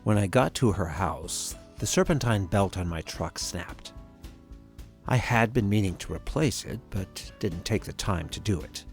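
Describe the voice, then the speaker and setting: With music behind him, a man with a low voice narrates a first-person horror tale as a haunted adult grandson recalling a frightening visit. He speaks in a measured, dramatic, animated way with deliberate pauses, and the mood is somber and uneasy.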